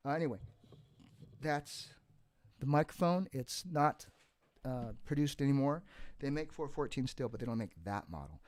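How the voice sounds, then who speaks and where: A man's voice: medium pitch, darkish tone. A man chatting casually on a live stream, his voice run through an added reverb effect. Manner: chatty, rambling, self-correcting. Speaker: musician hosting a live Q&A stream. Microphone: studio condenser mic.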